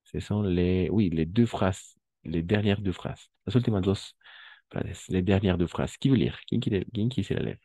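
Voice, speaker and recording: A man's voice: low voice, measured pace, mellow, husky. A man teaching a French lesson, patiently explaining and switching between French and Spanish. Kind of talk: online language lesson.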